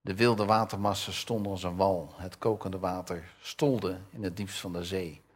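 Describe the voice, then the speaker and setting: This older preacher speaks in a low, breathy-edged voice with fairly even intonation at a normal pace. His sermon is conversational and full of questions for the audience, and his voice rises when he reads the Bible verses.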